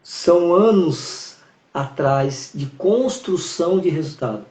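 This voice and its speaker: A man's voice: a little high, slow pace. A man, a horse trainer telling stories animatedly in a live-stream conversation. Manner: animated, storytelling with acted-out greetings. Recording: roomy, dull video-call sound.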